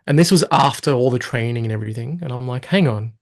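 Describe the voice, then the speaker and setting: A man talks fast in a creaky, mid-range voice. As a guest in a casual interview, he tells his story with animation, acting out what he once thought and quoting himself in lively asides.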